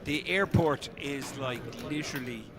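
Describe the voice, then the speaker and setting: An Irish-accented man gives casual, chatty live poker commentary in a mid-range voice, speaking a little slowly with colloquial turns and hesitant asides. Loud crowd chatter fills the live recording behind him.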